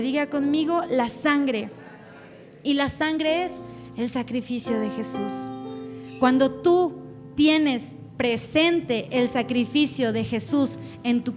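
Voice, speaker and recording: A woman preacher, her voice pitched high as she delivers a sermon. She exhorts the church and calls on them to repeat her words. Instrumental music plays clearly underneath. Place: church service. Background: instrumental music playing under her voice.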